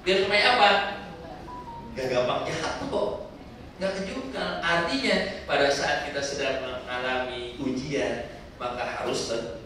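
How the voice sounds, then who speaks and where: A man instructing a pilgrim group in a lively sermon, asking the listeners questions as he goes. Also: medium pitch, measured pace, long pauses, faint music behind. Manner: lively preaching with rhetorical questions. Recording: very echoey hall from far off, faint ambience.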